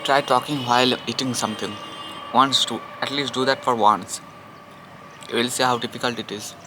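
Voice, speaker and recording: Eating outside in a public place, a talkative Bengali vlogger from India rambles, repeats points, and throws asides to his audience. He speaks at a normal pace in a medium pitch with fairly even intonation over a noisy background.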